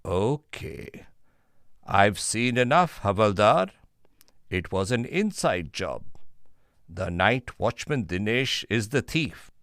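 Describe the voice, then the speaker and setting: Calm male police inspector, measured and questioning, lively pitch, unhurried, for a textbook audio drama. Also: dry recording, studio quality, full character voice. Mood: firm questioning.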